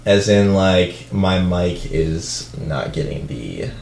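A man's voice: low voice, takes it slowly, vocal fry, a little mellow, slight background noise. A man hosting a casual group stream and running his own audio tests, flustered and joking. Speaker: stream host. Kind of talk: casual chat with friends.

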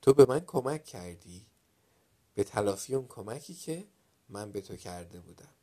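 A man's voice: fairly low pitch, lively intonation, mellow. A man voicing a grateful young village boy in a storybook tale, speaking earnestly and plainly.

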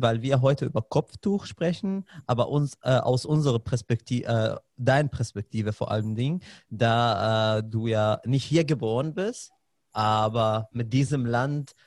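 A man interviewing a guest, speaking haltingly with many fillers and restarts. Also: medium pitch, darkish tone, no echo, clean studio sound. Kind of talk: conversational interview.

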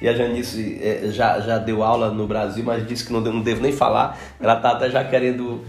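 A Brazilian man with a Brazilian Portuguese accent hosting a casual podcast, chatty and animated when telling anecdotes. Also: medium pitch, a little fast. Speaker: podcast host. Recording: roomy echo with faint guitar music.

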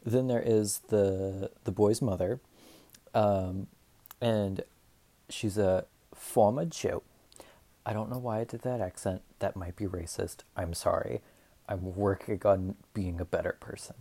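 A young man talking alone into the mic for his podcast, rambling from one thought to the next with plenty of swearing. His voice sits low and sounds dark and mellow, and his delivery is loose, unscripted and self-mocking. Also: fairly even intonation, measured pace. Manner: rambling, profane, self-deprecating. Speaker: podcast host. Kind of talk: casual solo monologue.

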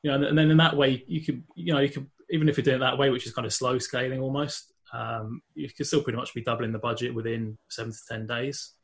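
Fast and with hardly any pauses, an English podcast guest with a London accent talks in a mid-range voice with fairly even intonation and vocal fry. His casual interview talk is packed with fillers and restarts.

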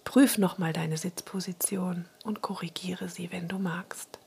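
A woman leads a guided relaxation in a soft spa whisper. Her voice is very breathy and husky, with some creak at the edges. She gives each instruction slowly and soothingly, leaving room to breathe. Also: fairly low pitch, fairly even intonation.

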